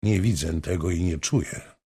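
A man voicing a calm resolute woman. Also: slow, vocal fry, breathy edge, heavily acted. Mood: firm. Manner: low, quiet, steady. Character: brave resolute young woman, calm and firm.

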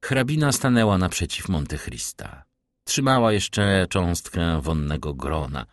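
A man narrating a classic novel audiobook with expressive, varied delivery. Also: low-pitched, unhurried, dry recording, clean studio sound.

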